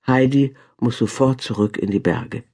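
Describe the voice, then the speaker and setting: A woman voicing a calm, gentle wealthy father in a storybook reading, speaking in a measured way. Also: extremely low pitch, vocal fry, breathy edge, heavily acted.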